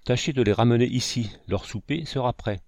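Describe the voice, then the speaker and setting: A man reading as a gruff old frontier sergeant. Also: mid-range voice, a little mellow, no echo, studio quality, natural voice. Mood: commanding. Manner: brisk, commanding, scolding. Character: gruff older male frontier sergeant, a father.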